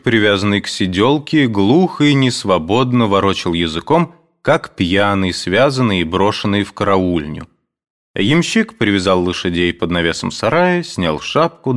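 A man reads classic prose aloud with a measured pace and a lively, rising and falling pitch. His reading is expressive and steady, in the manner of an audiobook. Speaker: narrator.

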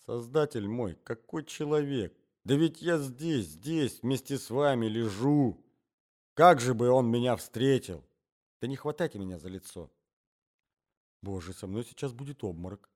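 A frantic, self-pitying jealous man, as a male reader puts him on. He pleads and moans. His pitch swings widely and often drops to a hushed, strained whisper. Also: expressive, unhurried, lightly acted. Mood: panicked. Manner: pleading, lamenting, agitated.

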